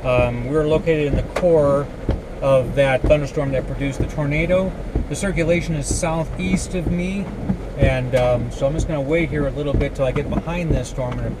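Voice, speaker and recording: A middle-aged man giving halting, matter-of-fact storm-chasing commentary as he drives, recorded on an in-car camera. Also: fairly high pitch, fairly even intonation. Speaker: storm chaser. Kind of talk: vlog narration while driving. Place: inside a moving car on the road. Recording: loud car, road and rain noise.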